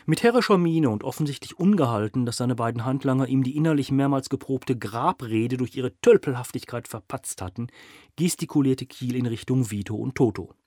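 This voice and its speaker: A man reading a crime novel aloud as narrator, with measured storytelling and dramatic emphasis. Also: medium pitch, dark tone, no echo, studio quality.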